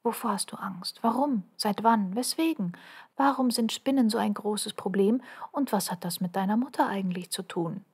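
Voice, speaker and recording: A woman's voice: mid-range voice, moderate pace, a little mellow, slightly rough. A woman reading her own first-person motivational text aloud, earnest and intimate, often dropping to a half-whisper and pressing the listener with urgent questions.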